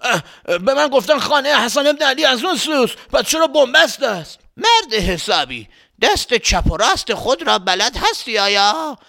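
A man's voice: sits high, creaky, sharp tone, dry recording, clean studio sound, pitched above the performer's own voice, heavily acted. A man voicing a rude, hot-tempered grown man traveler in a children's story, scolding and grumbling to himself. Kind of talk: storybook character voice.

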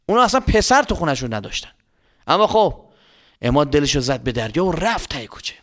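A man's voice: fairly high pitch, very animated, fairly bright tone. A man narrating a children's story, speaking directly to young listeners.

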